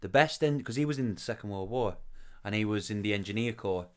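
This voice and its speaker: A man's voice: on the low side, quick pace, darkish tone, clear, resonant tone. A man co-hosting a casual podcast chat, eagerly sharing trivia. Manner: chatty, shares trivia with relish. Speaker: podcast co-host.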